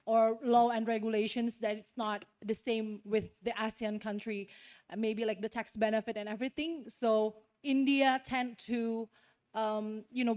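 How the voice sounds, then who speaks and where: A woman's voice: fairly high pitch, darkish tone. Young Indonesian woman asking from the floor. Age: young adult. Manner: informal, rambling. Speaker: audience member asking questions. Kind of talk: question from the floor.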